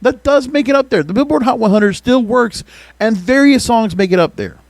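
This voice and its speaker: An American podcast host delivers emphatic, opinionated music radio commentary, frequently throwing rhetorical questions at the listener. His voice is extremely high and creaky, at a moderate pace, with no echo at all.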